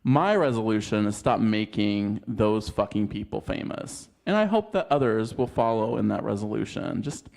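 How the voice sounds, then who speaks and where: A man's voice: on the low side, animated, moderate pace, vocal fry, hardly any pauses, darkish tone. A man co-hosting a podcast, ranting casually with a sassy, profane edge. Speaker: podcast co-host. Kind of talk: casual chat.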